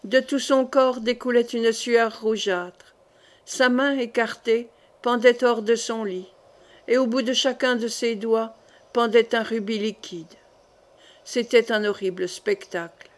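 A woman's voice: fairly high pitch, steady tone, unhurried. Woman narrating a classic novel. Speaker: audiobook narrator. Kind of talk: scripted narration.

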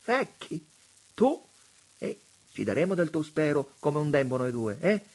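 A man voicing an effusive, soft-mannered elderly bishop who gushes in high exclamations. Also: very animated, a little slow. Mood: jovial. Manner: gushing, exclamatory, shrill.

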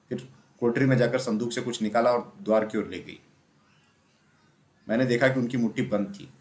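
A man narrating a classic children's story aloud in a steady storytelling manner. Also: medium pitch. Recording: roomy echo.

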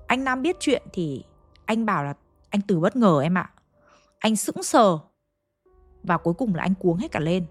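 A woman's voice: medium pitch, no room sound. A woman with a Hanoi accent retelling a ghost story in a chatty, dramatic way, speaking straight to her listeners. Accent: Hanoi Vietnamese.

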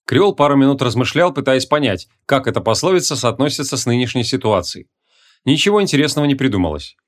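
A man reading a comic fantasy audiobook in a brisk, wry narrating manner. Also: mid-range voice, lively intonation. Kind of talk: scripted narration.

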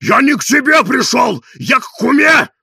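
Male reader doing a coarse bully, raspy gravelly voice, high and swooping, bright tense edge, dry close sound. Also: big pitch swings, no room sound, exaggerated voice. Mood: shouting. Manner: shouting, drawn-out outraged exclamations. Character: coarse bullying middle-aged man, loud and indignant. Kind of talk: audiobook character reading.

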